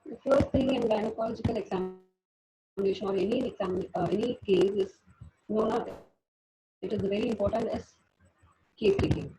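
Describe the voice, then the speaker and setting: A woman giving a measured online lecture as a doctor, her voice feeble and breaking up over a glitchy video call. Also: medium pitch, warm tone. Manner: measured, filler-heavy lecturing. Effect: breaking, crackling, feeble audio from a glitchy online call. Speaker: doctor giving a seminar talk. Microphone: laptop headset on a video call. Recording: dull, echoey laptop call audio with faint noise.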